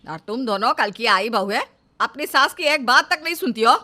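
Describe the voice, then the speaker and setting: A woman voicing a stubborn older mother-in-law who scolds loudly and waves off complaints. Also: fairly high pitch, lively intonation, moderate pace, a little hiss or hum. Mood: scolding. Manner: loud, scolding, dismissive.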